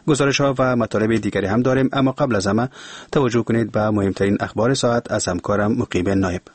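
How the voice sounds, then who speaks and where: A man hosting a radio news program, announcing in a formal, measured way. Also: on the low side, steady tone, slight background noise. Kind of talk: scripted radio presenting. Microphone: studio mic.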